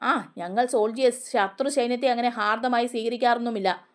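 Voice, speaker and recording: A woman voicing a proud, gruff ex-soldier who answers in a dry, mocking way, in a storybook retelling. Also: very high-pitched, steady tone, fairly quick.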